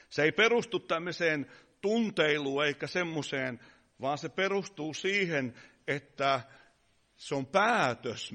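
Fiery high-voiced male preacher. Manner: impassioned, often shouting, then dropping to quiet asides. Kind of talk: Pentecostal sermon.

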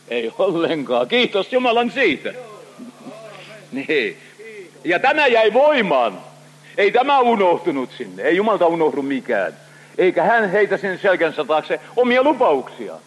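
A man delivers a sermon in a high, animated voice that rises and falls widely. He pauses and hesitates with small fillers while reading from scripture. The sound carries a long reverb, like an old radio broadcast. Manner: expressive preaching with hesitant fillers. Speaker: preacher.

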